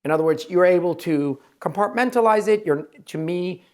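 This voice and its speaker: A man hosting an interview as a plastic surgeon, talking directly and lively, acting out quotes of others in his speech. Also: high voice, normal speed. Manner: direct, animated, acts out quotes in his talk. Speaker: plastic surgeon, podcast host. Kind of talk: conversational interview.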